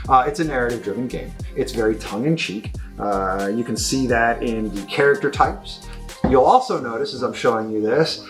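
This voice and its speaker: A middle-aged man presents for a store, giving a casual, enthusiastic, and discursive review of new tabletop games to camera. His voice is mid-range with a fairly bright tone.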